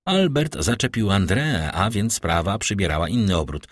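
A man's voice: on the low side, big pitch swings, moderate pace, no room sound, studio quality. A man narrating a classic novel, reading expressively and with life. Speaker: audiobook narrator. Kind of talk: scripted narration.

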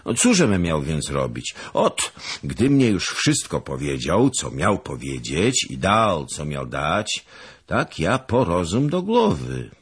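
Guy doing a chatty young servant, sly, husky, voice bouncing up. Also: deep voice, huge pitch swings, takes it slowly, full character voice. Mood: explaining.

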